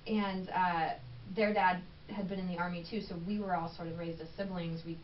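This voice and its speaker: Talking fairly quickly in a low, steady voice, a woman chats candidly as a podcast guest, filling her answers with ums in a casual interview. A distant mic captures her in an echoey room, giving dull sound with faint noise.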